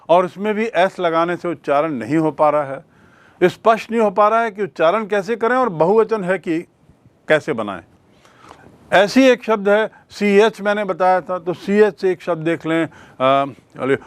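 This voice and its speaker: A man's voice: sits high, dry recording. A man with a Hindi accent teaching English grammar in a classroom lesson, patiently repeating key words back as questions to his students. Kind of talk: classroom lesson explaining rules.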